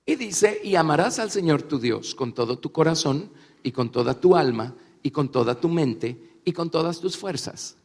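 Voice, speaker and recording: A man interpreting a religious talk aloud, phrase by phrase, with measured emphasis. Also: a little high, expressive, creaky, a little mellow. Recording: echoey hall, long reverb.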